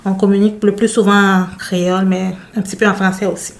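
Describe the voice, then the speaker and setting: A woman's voice: mid-range voice, little pitch movement, fast, vocal fry, darkish tone. A woman from Haiti whose first language is Haitian Creole, speaking French with a Haitian accent mixed with Beauce Québécois features, answering interview questions in plain, short phrases. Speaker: interview guest. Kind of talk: conversational interview.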